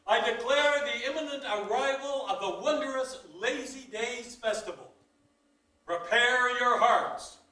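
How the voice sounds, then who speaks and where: Male town crier. Very high, forceful voice, slow declamatory proclamation, roomy sound. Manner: loud, ceremonial, declamatory, theatrical old-fashioned delivery. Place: indoor council chamber. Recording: echoey hall, far from mic.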